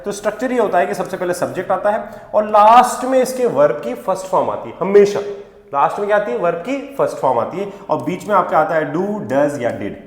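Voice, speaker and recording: Male English teacher, high lively voice, quizzes the class and answers himself, roomy reverb. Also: brisk. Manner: poses rhetorical questions, then answers them; stresses key words for emphasis. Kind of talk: grammar lesson to camera. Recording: echoey room with long reverb.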